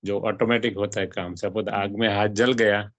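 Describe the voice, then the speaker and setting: A man's voice: fairly low pitch, steady tone, moderate pace, a bit bright, no echo. A man explaining a religious text to a small class, often asking his listeners questions and mixing in English words. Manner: asks the audience questions and mixes in English words. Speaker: spiritual teacher.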